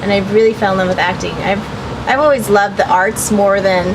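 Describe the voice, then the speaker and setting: A woman's voice: medium pitch, steady tone, a little fast, noisy background. A young woman chatting in a casual interview about her acting work, talking freely with many fillers and frequent laughs. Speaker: actress interviewee.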